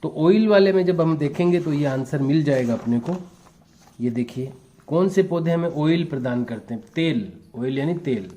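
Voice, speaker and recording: A male teacher slowly dictating answers and translating each phrase for his pupils. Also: fairly high pitch, expressive, dark tone, a little hiss or hum. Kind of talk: classroom lesson, bilingual explanation.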